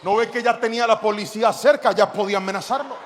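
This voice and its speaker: A man preaching a sermon to a congregation, telling a story with lively reenacted dialogue and jokes with the audience. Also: high voice, quick pace, a little hiss or hum. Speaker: pastor. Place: church hall before a congregation. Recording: long hall reverb.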